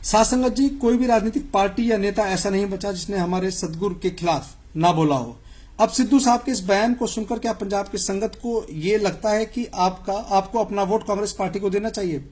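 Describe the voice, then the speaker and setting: A man's voice: high-pitched, a little fast, darkish tone. A man hosting a live stream, reading viewer messages and answering them in an earnest, argumentative way.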